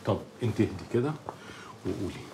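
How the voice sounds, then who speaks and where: Calm deep Egyptian officer. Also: male voice, gravelly, a little hiss or hum. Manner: calm, measured, soothing. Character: calm shrewd male police officer, in control. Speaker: police officer. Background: music score.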